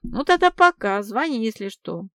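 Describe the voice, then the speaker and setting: A woman reading an audiobook and voicing a chatty, flirtatious woman with a piercing, high voice. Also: sing-song, normal speed, fairly bright tone, dry recording, clean studio sound. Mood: bubbly flirtatious. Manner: coquettish, chattering.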